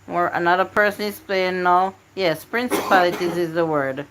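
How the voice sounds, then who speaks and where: A woman's voice: fairly low pitch, moderate pace, background noise. A woman hosting a live stream word game, coaxing and pleading with her chat to join in.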